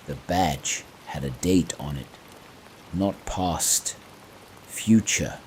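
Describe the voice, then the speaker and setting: A man narrating scripted horror stories to fall asleep to, in hushed, creeping, ominous tones with measured, dramatic pauses. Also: low voice, slight background noise, low-quality recording. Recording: faint rain ambience behind. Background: soft rain sounds.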